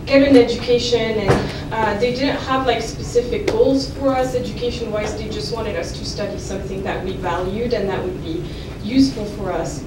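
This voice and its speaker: A young native French speaker from France gives an informal podium lecture in a chatty, self-deprecating manner, full of ums, fillers and restarts. Her voice is on the high side, at a moderate pace with hardly any pauses. The podium mic picks her up from a distance in a roomy, echoey lecture hall with clear background noise.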